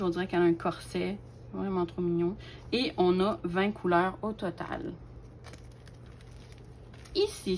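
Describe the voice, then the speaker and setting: A woman, casually showing off her craft collection, chatty and hesitant with lots of fillers and soft laughs. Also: on the low side, a little hiss or hum. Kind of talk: casual show-and-tell.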